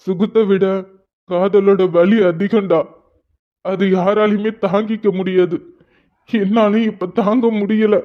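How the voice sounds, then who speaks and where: மனம் உடைந்த, அழுதுகொண்டே மெதுவாகக் கெஞ்சிப் பேசும் இளைஞனாக நடிக்கும் ஒருவர்; கார்ட்டூன் நாடகக் குரல். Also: male voice, high voice, fairly even intonation. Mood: heartbroken. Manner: tearful, pleading, slow broken speech. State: crying. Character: heartbroken young man, lovesick, weeping. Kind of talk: cartoon drama voice acting. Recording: dull lo-fi sound.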